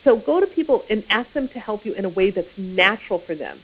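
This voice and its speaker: A woman's voice: medium pitch, expressive, brisk, slightly rough. A woman giving career advice in an informal, conversational teaching talk, often saying "you know". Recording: tinny phone-like sound.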